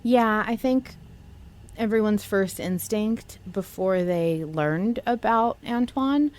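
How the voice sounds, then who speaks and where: A woman with a mid-range, slightly mellow voice takes her time as she speaks. Co-hosting a fan podcast, she discusses an audio drama casually, in slangy terms.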